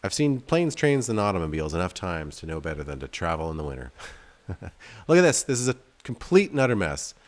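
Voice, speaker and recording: Very animated and a little fast, this low-pitched man plays his own game as a developer and video host. His casual commentary rambles, full of spoken-aloud thoughts and self-mockery.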